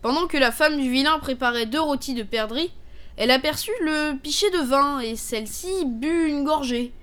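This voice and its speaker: A woman narrating a storybook fable in a steady, clear reading voice. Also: high voice, normal speed.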